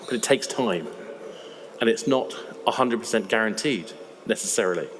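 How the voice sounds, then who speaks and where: A man with a slightly raspy voice, giving a conversational, emphatic conference talk. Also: fairly low pitch, lively intonation, moderate pace, a little hiss or hum. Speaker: conference speaker. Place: large conference hall. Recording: reverberant hall with faint ambience.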